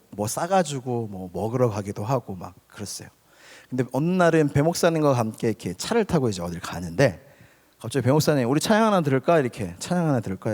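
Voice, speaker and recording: A young man preaching a sermon, talking to his listeners directly, at times loud and at times dropping to a near-whisper. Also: medium pitch. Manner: conversational, often addresses listeners directly; swings between loud emphasis and soft near-whispers. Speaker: pastor. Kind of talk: youth sermon. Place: church sanctuary. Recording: long hall reverb.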